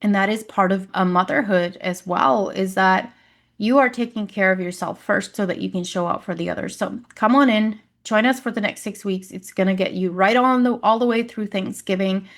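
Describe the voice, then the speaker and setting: A woman's voice: mid-range voice, moderate pace. A woman health coach hosting her own podcast, talking casually and with energy, often acting out what her clients say. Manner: energetic, conversational, acts out quoted clients.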